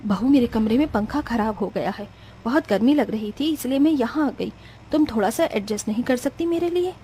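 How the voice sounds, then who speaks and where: A woman's voice: on the high side, lively intonation, brisk, dark tone, a little hiss or hum, natural voice. Woman playing a grumbling stingy mother-in-law. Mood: weary. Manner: bossy, grumbling. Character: stingy scheming middle-aged mother-in-law.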